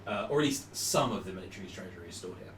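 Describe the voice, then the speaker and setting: A man's voice: low-pitched, animated, very fast. A man improvising as game master in a tabletop game, phrasing things hesitantly and piece by piece. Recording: echoey room, distant mic, clear noise.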